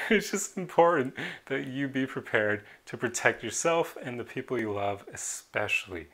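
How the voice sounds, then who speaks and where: A man with a gravelly edge to his mid-pitched voice talks straight to the camera in a casual vlog. He is earnest and opinionated and breaks into a short laugh now and then. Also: a bit bright. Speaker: vlogger.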